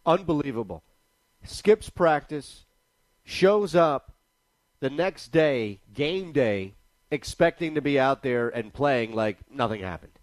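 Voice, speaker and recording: A man's voice: medium pitch, lively intonation, slow pace, dry recording. Guy hosting sports radio, worked up and emphatic, dry close mic. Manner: indignant, emphatic. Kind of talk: sports talk radio commentary.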